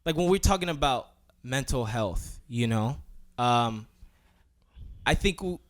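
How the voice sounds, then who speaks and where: A man co-hosting a podcast in easygoing chat. His voice sits at an ordinary middle pitch, and he talks in loose, animated bursts, stumbling over restarts and fillers as he works toward his point. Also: unhurried. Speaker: podcast co-host.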